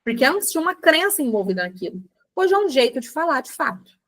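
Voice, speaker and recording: A woman's voice: sits high, sing-song, fast. A Brazilian woman, a psychologist, giving a chatty online lecture, addressing her listeners directly and acting out everyday examples. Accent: Brazilian Portuguese. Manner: chatty, addresses audience as "gente", acts out examples. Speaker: psychologist teaching a book club class.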